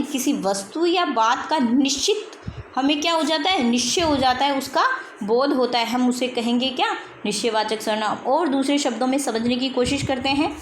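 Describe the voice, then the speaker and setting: Female teacher, high voice, slow repeated examples, asks and answers her own questions, echoey room. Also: slight background noise. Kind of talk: grammar lesson.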